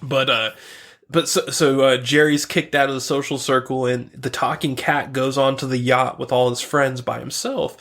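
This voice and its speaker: A young man co-hosting a podcast, retelling scenes with lively put-on voices, frequent laughter and swearing. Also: mid-range voice. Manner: animated storytelling, acts out scenes in quick put-on voices, laughs often, swears. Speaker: podcast co-host. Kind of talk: casual review chat.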